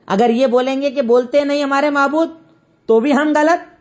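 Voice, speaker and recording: A woman teaching an Islamic lesson, retelling a prophet's story with lively storytelling and rhetorical questions. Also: sits high, highs cut off. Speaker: religious teacher.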